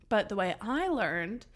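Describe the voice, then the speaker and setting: A woman's voice: mid-range voice, very animated, slow pace. A woman in her twenties from New York, co-hosting a podcast and telling a funny story with lots of laughter and casual swearing. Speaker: podcast co-host.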